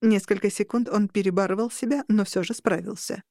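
A woman narrating an audiobook in an even, expressive reading voice. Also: medium pitch, brisk, no room sound, studio quality.

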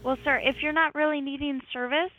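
A woman answers a business call as a receptionist. She stays polite and patient and often apologizes. Her voice sits a little high. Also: fairly even intonation, fairly quick, highs cut off. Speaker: customer service receptionist. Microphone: phone line.

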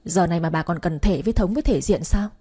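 A woman's voice: lowish voice, fast, mellow, slightly rough. A woman voicing a stern, furious older father-in-law who hisses accusations. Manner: hissing, accusing.

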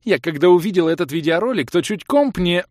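A man voicing a bold, bossy, impulsive young woman in an audiobook, with a brisk and pushy manner. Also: sits high, expressive, darkish tone, no room sound, studio quality, voice pushed up. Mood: bold teasing. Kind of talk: audiobook character voice.

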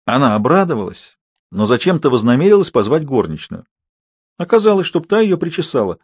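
A man reading a novel aloud as an audiobook narrator, telling the story in an even, unhurried way with light irony. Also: medium pitch, slightly rough, no room sound. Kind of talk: scripted narration.

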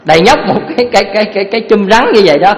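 Lively teacher. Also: male voice, high voice. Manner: lively, animated storytelling, addresses listeners directly. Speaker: Buddhist Dharma teacher. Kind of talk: storytelling sermon. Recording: reverberant hall.

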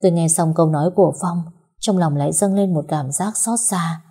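Woman, storyteller, first-person narration, soft steady reading, very mellow, breathy. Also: on the low side, fairly quick.

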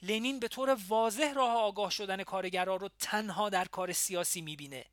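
A man's voice: sits high, a bit bright, no room sound, studio quality, pitched above the performer's own voice. A man voicing a young male comrade who cuts into the argument insistently in an audiobook. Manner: interrupting, insistent.

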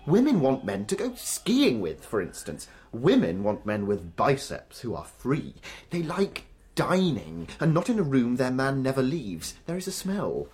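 Pedantic, cheekily deferential manservant played by a man, mid pitch, very animated delivery. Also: measured pace. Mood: cheeky. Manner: fussy, pedantic, ironically deferential. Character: fussy wordy male servant, devoted and cheeky.

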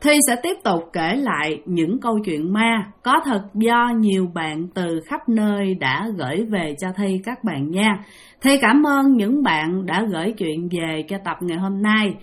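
A woman's voice: mid-range voice, animated, unhurried. Chatty Southern Vietnamese woman storyteller. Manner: talks straight to listeners, repeats phrases. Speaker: ghost story host.

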